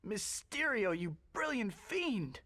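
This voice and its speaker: A man's voice: high-pitched, big pitch swings, slow, sharp tone, no room sound, heavily acted. A young man playing a sarcastic, quippy young superhero in a video game. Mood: wry, sarcastic. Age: young adult. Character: young wisecracking male superhero, boyish and sarcastic. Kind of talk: video game cutscene acting.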